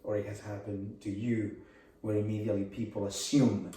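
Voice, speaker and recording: A man's voice: lowish voice, level tone, moderate pace, warm tone, far from the mic. A man from Venezuela, hosting a casual interview chat and repeating words for emphasis. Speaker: podcast host. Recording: echoey room, voice from off-mic.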